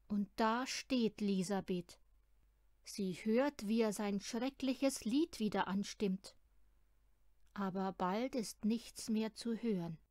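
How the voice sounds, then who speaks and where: A woman reading a children's storybook aloud in an unhurried, expressive way. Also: mid-range voice, dry recording, studio quality. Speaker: storybook reader.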